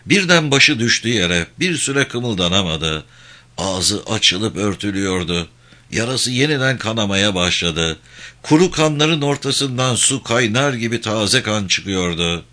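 A man narrating a war novel as an audiobook in a measured, steady way. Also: on the low side.

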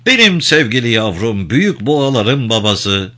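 A man voicing a calm, thin old man who soothes a raging bull with caressing flattery, in a storybook reading. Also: mid-range voice, normal speed. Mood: soothing. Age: older.

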